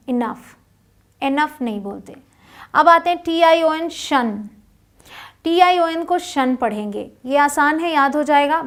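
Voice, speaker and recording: A woman teaching English pronunciation in Hindi, spelling out letters and then saying each word slowly and clearly. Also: high voice. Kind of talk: phonics lesson.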